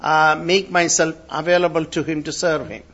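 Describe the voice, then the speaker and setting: Man from India, preacher, short phrases, pauses for interpreter, high, lo-fi. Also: fairly even intonation, a bit bright. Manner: speaks in short phrases, pausing for translation. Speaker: traveling preacher. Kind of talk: sermon through an interpreter. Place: church hall in the evening. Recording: dull lo-fi sound.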